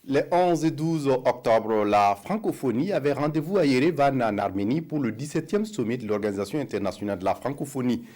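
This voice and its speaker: A man anchoring an evening TV news bulletin, reading in a measured, formal way. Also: mid-range voice, animated, darkish tone. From Burkina Faso.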